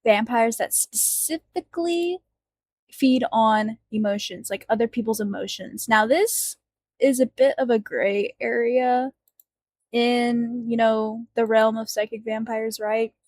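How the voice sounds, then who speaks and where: A woman's voice: a little high, unhurried, a little mellow, no room sound. A woman co-hosting a podcast in casual chat, chatty and giggly, with many fillers. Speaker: podcast co-host.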